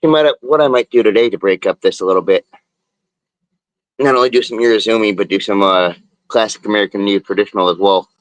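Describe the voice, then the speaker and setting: A live streamer and tattoo artist chats casually into a phone while drawing, laid-back, drawling and slangy. His voice is on the low side and fast. The audio is poor but has no echo.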